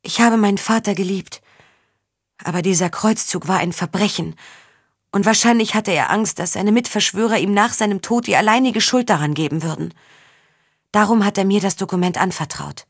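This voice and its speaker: A woman's voice: medium pitch, normal speed, slightly rough, dry recording, studio quality. A woman voicing a burdened young princess in an audiobook, speaking urgently and resolutely.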